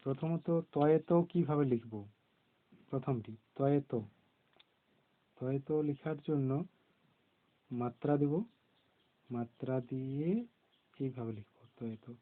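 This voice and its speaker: A man teaching young children to read, spelling out letters slowly and patiently in a classroom lesson. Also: mid-range voice. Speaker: primary school teacher. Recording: tinny phone-like recording.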